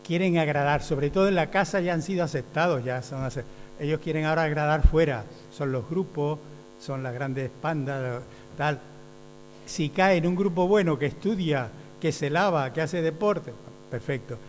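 A man's voice: fairly high pitch, moderate pace. Man lecturing in a reverberant hall. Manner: explanatory, often asks "¿ve?", acts out quoted voices. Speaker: teacher trainer. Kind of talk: lecture to teachers. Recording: hum with long hall reverb.

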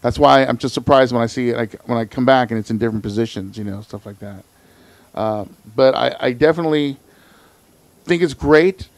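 A man's voice: medium pitch, brisk, no echo. A man hosting a podcast, telling stories in a laid-back, slangy casual chat. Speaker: podcast host.

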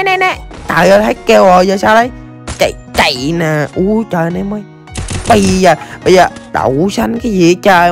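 Fast, excitable gamer. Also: mid-range voice. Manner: excitable, rapid-fire exclamations to viewers. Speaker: game streamer. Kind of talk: live gameplay commentary.

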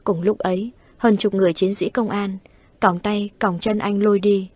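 A woman, narrating horror stories in a calm, matter-of-fact way. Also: mid-range voice, moderate pace, no echo. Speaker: storyteller.

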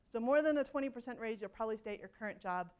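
A woman's voice: fairly high pitch, animated, very fast, clear, resonant tone. Chatty woman giving a keynote talk. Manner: conversational, self-deprecating, frequent ums and restarts. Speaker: keynote speaker. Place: large conference hall stage.

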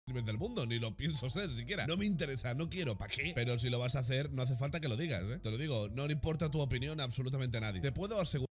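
A man's voice: mid-range voice, animated, fast. A man with an accent from Spain, a streamer, talking sarcastically. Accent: Spain Spanish. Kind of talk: casual rant.

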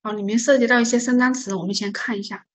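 A woman's voice: fairly high pitch, fairly even intonation, quick pace. Patient woman drilling vocabulary. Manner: patient, repeats words to drill pronunciation; explains stress and silent letters step by step. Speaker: English vocabulary teacher. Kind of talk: online vocabulary lesson.

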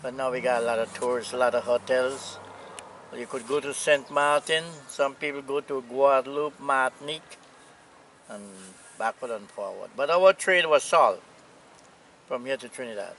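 A man in his eighties from Anguilla with a Caribbean accent, reminiscing casually in an unhurried, plainspoken way. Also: medium pitch, fairly bright tone, low-quality recording. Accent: Anguillan Caribbean English. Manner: unhurried, plainspoken old seaman's talk with pauses. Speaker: retired sea captain, interviewee. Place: outdoors on a seaside hillside. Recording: outdoor camera audio with noise.

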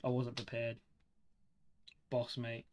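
A man's voice: medium pitch, completely flat delivery, slow, a little mellow, faint music behind. A man casually reacting on a game live stream, exasperated and swearing heavily. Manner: exasperated, foul-mouthed.

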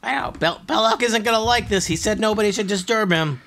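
A man acting out a goblin guard for a tabletop game. The voice is pitched up, jittery and grasping, like a small underling after a share. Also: a little fast, creaky, a bit bright, slight background noise. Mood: nervous. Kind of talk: tabletop game role-play.

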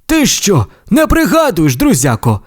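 A man's voice: high-pitched, sing-song, a little slow, voice pushed up. A man doing Сирник, a boastful cheerful tow truck. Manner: proud, boastful tall-tale teller. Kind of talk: storybook character voice.

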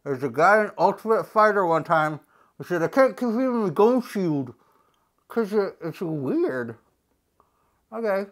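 A woman's voice: medium pitch, animated, unhurried, long pauses. A woman hosting a casual unboxing vlog, talking with a mouthguard in, playful and jokey as she reads instructions aloud. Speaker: unboxing video host.

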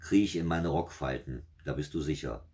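A man's voice: very deep voice, moderate pace, a little mellow. A man reading aloud and voicing the devil's grandmother, a shrewd, kindly old woman who scolds and soothes. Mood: scolding soothing.

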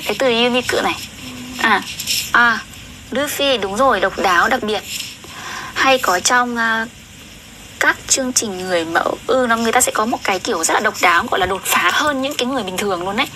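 A young woman tutoring Japanese on a livestream, chatty and often asking viewers questions, reading sentences slowly. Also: a little high, sharp tone, slight background noise, rough recording. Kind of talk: casual livestream lesson.

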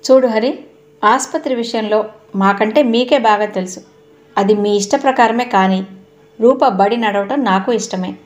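A woman reading the part of a gentle, steady man in a calm, measured way. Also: mid-range voice, lightly acted.

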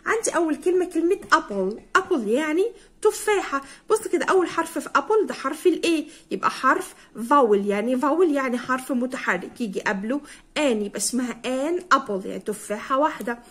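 This young teacher, who has an Egyptian Arabic accent, leads a primary school English class, saying words over and over and slowly spelling them letter by letter. Her voice sits high and sounds expressive.

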